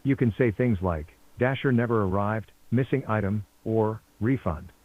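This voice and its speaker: Recorded phone message voice, lowish male, measured polite prompts, tinny dry phone line. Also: no echo. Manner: measured, polite menu prompts, repeats itself. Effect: recorded phone message over a phone line. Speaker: automated phone menu.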